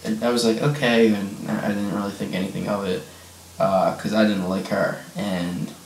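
A man's voice: lowish voice, little pitch movement, normal speed, recorded from a distance, a little hiss or hum. Rambling guy telling a story, roomy sound. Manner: rambling, filler-heavy, self-correcting. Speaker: gaming channel host. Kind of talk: casual storytelling over gameplay. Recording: roomy sound, a bit off-mic.

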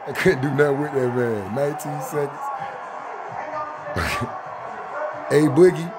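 A young man from Jacksonville, Florida, giving loud, excitable casual commentary on basketball clips, swearing a lot and breaking into shouts. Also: a little high, slow, over loud music, a loud crowd.

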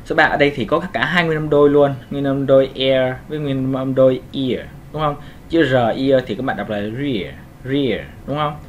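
A man at a medium pitch giving a casual pronunciation lesson. He talks patiently, repeats each sound slowly and keeps asking his listeners whether they follow. A faint hiss sits under his voice. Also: steady tone. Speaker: English pronunciation teacher.

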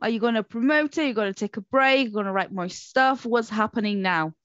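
Chatty and upbeat, this podcast host is a native Portuguese speaker who fills her casual interview with many fillers. Her voice sits on the high side, fairly bright and a little fast, recorded as dull, dry lo-fi audio without echo.

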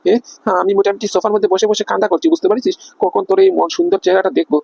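A man's voice: high-pitched, big pitch swings, racing, creaky, a little mellow, no room sound, heavily acted. A man voicing a fussing, middle-aged cartoon husband who coaxes and rambles, full of fillers. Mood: coaxing. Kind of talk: cartoon comedy voice acting.

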